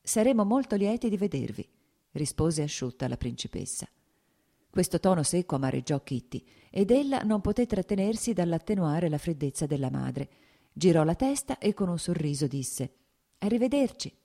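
A woman narrating a classic novel as an audiobook, in a steady, measured reading voice. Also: deep voice, vocal fry.

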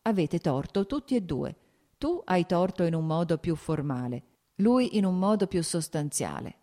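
A woman voicing a shy, gentle young man who speaks mildly and tactfully, in an audiobook. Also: lowish voice, big pitch swings, moderate pace. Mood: earnest. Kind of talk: audiobook character voice.

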